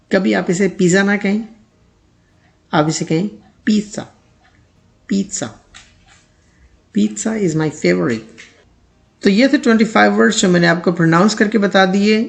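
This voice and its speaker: A man teaching English pronunciation in a lesson, speaking, who repeats each word slowly and then reads out an example sentence. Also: high voice, vocal fry.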